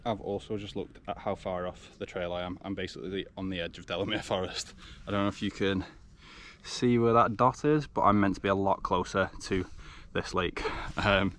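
A man's voice: sits low, fairly even intonation, normal speed, fairly bright tone. A man in his twenties with an English accent, chatting casually to a camera as a fitness vlogger. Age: 20s. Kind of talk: casual vlog chat. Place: outdoors in a forest. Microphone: action camera. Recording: faint outdoor background noise.

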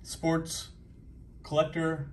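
A man's voice: on the high side, monotone, extremely slow. A middle-aged man with a New England accent, casually chatting while opening trading card packs, full of fillers and upbeat remarks. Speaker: card collecting vlogger. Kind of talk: casual pack-opening commentary. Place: busy convention hall.

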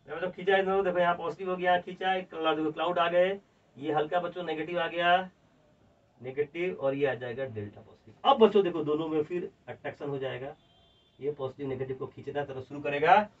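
A high-voiced man with a Bihari accent teaches chemistry with animated emphasis, calling his students children and repeating each step. He sounds set back from the mic, and the recording is dull and lo-fi. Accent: Bihari Hindi. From India. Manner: emphatic, animated explaining, dictating notes word by word. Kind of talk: classroom chemistry lecture. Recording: distant, dull lo-fi classroom audio.

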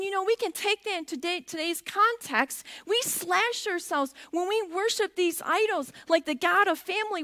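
A woman's voice: very high-pitched, a bit bright. A middle-aged woman preaching a sermon in a church, talking conversationally and putting questions to the congregation. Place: church sanctuary.

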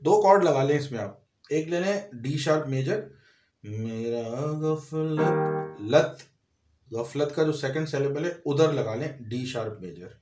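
A man's voice: mid-range voice, animated, normal speed, reverberant. A man giving a piano and vocal lesson, explaining notes step by step and singing short phrases between his explanations. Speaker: music teacher. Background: piano playing.

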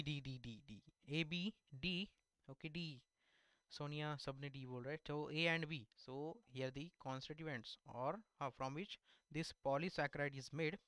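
A man's voice: a little high, a bit bright, clear, resonant tone, dry recording. A young man with an Indian accent teaching through exam questions as an online tutor, repeating answers and slipping in Hindi asides. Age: young adult. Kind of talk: lesson going through mock test questions. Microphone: headset.

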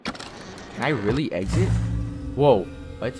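A man's voice: mid-range voice, expressive, slow pace. A young man giving casual, nervous gameplay commentary full of slang and swearing. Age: young adult. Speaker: gamer, host of a horror game playthrough. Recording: music behind the voice.

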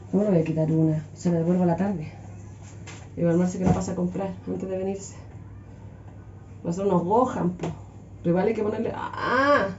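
The Chilean-accented young vlogger keeps up a casual cooking chat at home, ranting in an exasperated, joking manner and laughing frequently. Her voice sits in the mid range and sounds mellow. A little hiss or hum runs under the echoey, dull room sound.

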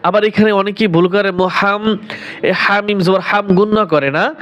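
A man teaching Quran pronunciation step by step, chanting each phrase slowly and stretched out between quick explanations. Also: high-pitched, fairly even intonation, a bit bright.

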